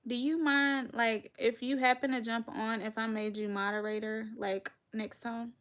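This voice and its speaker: A woman's voice: a little high, little pitch movement, moderate pace, a bit bright. A woman in her thirties with a North Carolina Southern accent, hosting a casual podcast livestream and chatting directly with viewers, calling them y'all. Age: 30s. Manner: chatty, addresses viewers as y'all, laughs often. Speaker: podcast host.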